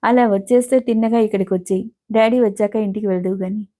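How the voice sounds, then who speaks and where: A narrator puts on a caring woman of thirty in a storybook, firm and direct in how she talks. The tone is mellow and warm. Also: medium pitch, fairly even intonation, fast talker, close to an everyday voice.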